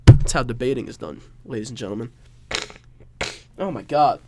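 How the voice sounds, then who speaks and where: A man's voice: mid-range voice, normal speed, mellow, slight background noise. A young man with a stuffed-up, nasal voice, hosting a casual solo sports podcast in a rambling, jokey way. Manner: rambling, jokey, self-mocking asides. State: stuffed-up nose, congested. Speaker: podcast host.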